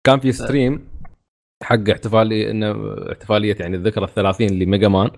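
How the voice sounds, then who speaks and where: A man's voice: lowish voice, little pitch movement, very fast, darkish tone. A man co-hosting a casual gaming podcast, teasing and laughing easily. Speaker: podcast co-host. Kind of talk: casual chat.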